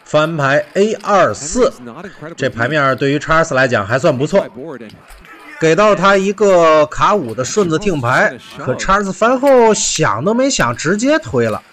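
A man giving recorded poker highlight commentary as a voice-over, animated, with rhetorical questions and exclamations. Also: normal speed.

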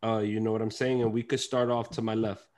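Halting man moderating a video call panel. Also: on the low side, flat delivery, darkish tone. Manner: loose, halting, many fillers and restarts. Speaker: host and moderator. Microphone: headset.

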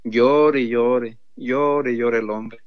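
Earnest guy telling a testimony to his "brothers", repeats a lot, normal pitch, dull lo-fi sound. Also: steady tone, drawn-out words, smooth. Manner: earnest, repetitive, addresses listeners as brothers. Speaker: pro-life sidewalk counselor giving testimony. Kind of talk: testimonial storytelling to a congregation. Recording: dull lo-fi recording.

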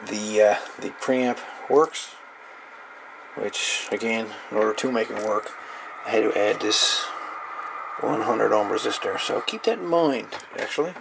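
Speaking at a measured pace with vocal fry, a man with a lowish voice walks through a DIY radio project as an electronics hobbyist. His unscripted, hands-on tutorial is easygoing and informal, wandering a bit. It was captured at an indoor workbench on a noisy camera mic.

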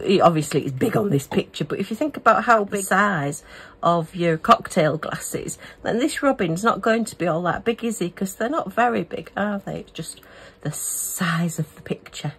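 A woman's voice: medium pitch, lively intonation, moderate pace, a bit bright, husky. A middle-aged woman from the UK, chatting casually and gushing as she unboxes and reviews craft kits. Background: a small fan humming.

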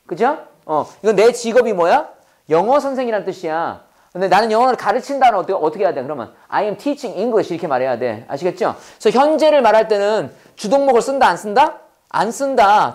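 Lively, drilling male English teacher. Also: high voice. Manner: asks questions and answers them himself, repeating phrases. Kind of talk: classroom lecture with repeat-after-me drills.

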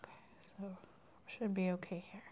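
A woman in a gentle, soft-spoken ASMR dental roleplay, playing a reassuring dentist. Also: medium pitch, flat delivery, moderate pace, slight background noise.

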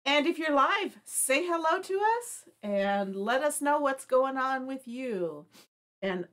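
A middle-aged woman runs a live craft demo from her home craft room, chatty and friendly, rambling and restarting her sentences. Her stuffy nose has her sniffling from allergies. Her high-pitched voice is expressive and fairly bright, and she speaks at a slow pace.

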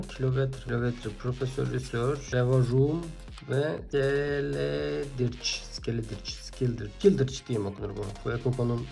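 A man hosting a card-opening video, chatting casually, reading card names under his breath and bursting into loud excitement at good pulls. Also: medium pitch, vocal fry. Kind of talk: casual pack-opening commentary.

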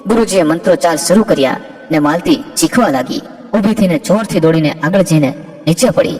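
A man's voice: a little high, fairly quick, darkish tone. A man reading a scripted story aloud as narrator, doing every character in the same voice. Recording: long reverb with background music.

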